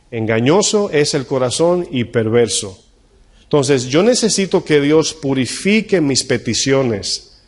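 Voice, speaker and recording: A male pastor preaching a sermon in a conversational tone, asking the congregation questions and slowing down to read scripture. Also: mid-range voice, darkish tone. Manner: slows right down when reading scripture. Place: church hall. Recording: long church-hall reverb.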